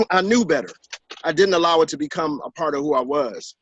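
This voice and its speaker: A man in his forties, a guest author in a casual conversation, telling stories and acting out quotes in higher voices. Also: a little fast, husky, no echo, dull audio. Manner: animated storyteller who acts out quotes in higher voices. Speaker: author and guest on a talk show.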